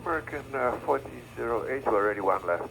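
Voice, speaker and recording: Gravelly pilot over the radio, fast and clipped. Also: male voice, mid-range voice, lively intonation, a bit bright, slight background noise, poor audio. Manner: terse, rapid aviation phraseology. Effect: pilot radio transmission heard on a scanner. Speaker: airline pilot.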